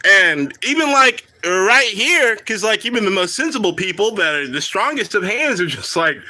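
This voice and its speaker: A man's voice: high-pitched, big pitch swings, normal speed, bright, forceful tone. A man giving casual, rambling reaction commentary on a live stream, swearing, laughing and talking to his chat.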